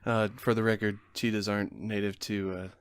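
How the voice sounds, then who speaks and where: A man in a round-table podcast tells dad jokes and can't help laughing at them. His voice sits somewhat low, and the recording is dry and close. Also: little pitch movement, brisk, smooth, no room sound. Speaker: podcast co-host. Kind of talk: casual chat, telling dad jokes.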